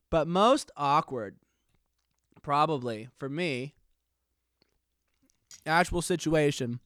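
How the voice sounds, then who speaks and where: Rambling twenty-something podcast host, smooth voice. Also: male voice, fairly high pitch, no echo, studio quality. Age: 20s. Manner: rambling, self-deprecating, jokey. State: slightly out of breath. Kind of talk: casual podcast storytelling.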